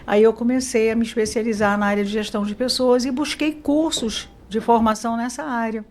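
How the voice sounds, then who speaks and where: Woman guest telling her story, high voice. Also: brisk, slight background noise. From Mozambique. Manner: relaxed storytelling with fillers and self-corrections. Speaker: business consultant guest. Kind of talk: interview conversation.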